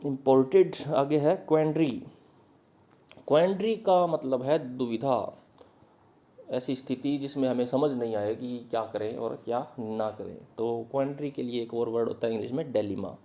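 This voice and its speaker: A man gives an English vocabulary lesson in a relaxed, mellow voice at an ordinary pitch. He goes word by word and explains each one with simple meanings and everyday examples. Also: normal speed. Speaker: English teacher.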